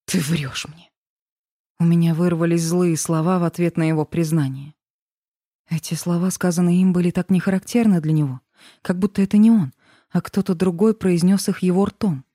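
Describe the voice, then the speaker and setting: A woman's voice: fairly low pitch, fairly even intonation, brisk, dark tone, no echo, clean studio sound. A woman narrating a first-person romance audiobook with an emotional, dramatic reading.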